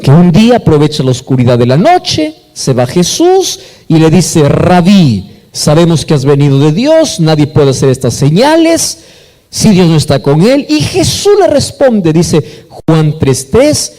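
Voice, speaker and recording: With a rather high, mellow, sing-song voice and a slightly slow pace, a Peruvian pastor preaches emphatically in Peruvian Spanish. He puts questions to the congregation and answers them himself inside an echoey hall with long reverb.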